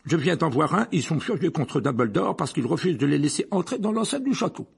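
A man's voice: a little high, lively intonation, a little fast, creaky, breathy edge, pitched above the performer's own voice, full character voice. A man voicing a pompous middle-aged official who blusters and stammers. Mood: blustering. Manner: hesitant stammer, blustering, hushed at times.

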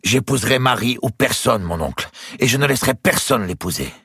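A man voicing an impassioned young man in love, pleading and high-strung in a storybook reading. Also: animated, fairly quick, creaky, pushed and bright, breathy edge, no room sound, studio quality, heavily acted. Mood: defiant.

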